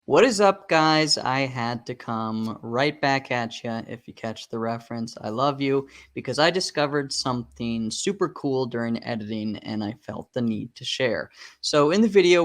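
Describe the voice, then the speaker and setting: A man narrating a video in a casual scripted style, chatty, with joking asides, and a voice that is going a little hoarse. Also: medium pitch, expressive, normal speed, fairly bright tone. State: losing his voice. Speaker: YouTube narrator.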